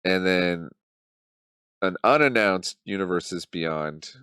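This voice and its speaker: His voice sits low and has a sharp but smooth tone, and he takes his time. He's a man in his thirties with a cold, hosting a casual commentary channel and musing aloud wryly, loosely and mock-dramatically, with plenty of ums, in a dry, clean studio recording.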